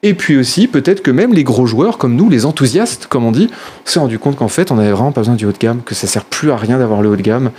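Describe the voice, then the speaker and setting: A man's voice: medium pitch, animated, fast, darkish tone. A man hosting a casual chat, with a jokey, mock-solemn manner. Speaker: host. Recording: clear background noise.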